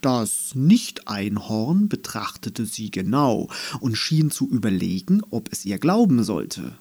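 A man narrating a children's story in German, reading in a slow, expressive manner. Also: husky. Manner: slow, expressive, lively pitch.

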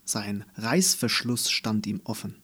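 Male narrator for a children's audiobook; calm, slow and slightly husky. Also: on the low side.

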